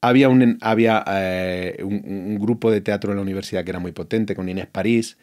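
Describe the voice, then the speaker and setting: A middle-aged man from Spain with a fairly low voice, talking as an interview guest. He tells his stories with lively asides, acts out what people said, and stops to restart his sentences. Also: fairly quick. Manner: anecdotal storytelling, acts out quoted lines, frequent restarts. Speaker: actor guest. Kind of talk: casual interview chat.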